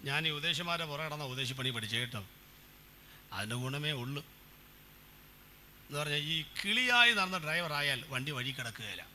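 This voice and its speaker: A man preaching as a pastor, animated, firing questions at his congregation during a sermon. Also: on the high side, normal speed, pauses often, a little hiss or hum. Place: church.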